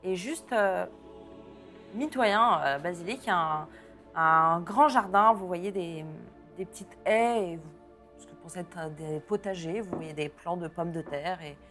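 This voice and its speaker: Woman gm describing scenes, lowish voice, lots of euh, soft music behind. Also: unhurried. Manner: descriptive, many fillers and restarts, laughs often. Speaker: game master. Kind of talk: narrating a tabletop game.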